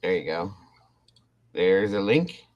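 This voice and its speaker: Through a computer mic on his livestream, with the highs cut off, a low-pitched man speaks animatedly but at a slow pace. As host, he rambles casually to his viewers and often restarts sentences.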